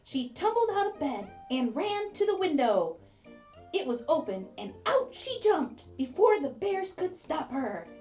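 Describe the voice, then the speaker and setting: A woman narrating a children's fairy tale from a script, with expressive storybook emphasis. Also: high voice, measured pace, faint music behind.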